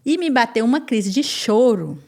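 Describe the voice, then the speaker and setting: A woman guest on a podcast, telling her personal testimony in an animated way, repeating phrases and acting out what others said. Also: on the high side, normal speed. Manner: animated, repeats phrases and acts out quoted speech.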